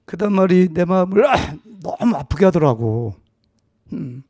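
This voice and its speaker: A middle-aged man, a pastor preaching a sermon, telling a humorous personal story and acting out the dialogue with lively shifts of voice. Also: high-pitched, measured pace, no room sound. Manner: anecdotal and humorous, acting out dialogue in a wide-ranging voice.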